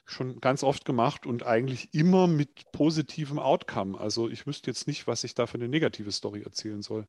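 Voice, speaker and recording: A man's voice: medium pitch, brisk, hardly any pauses, a little mellow, dry recording, studio quality. Plain-spoken man discussing agile teams. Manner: direct, conversational, acts out dialogues. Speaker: agile coach and live stream co-host. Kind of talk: casual live-stream chat.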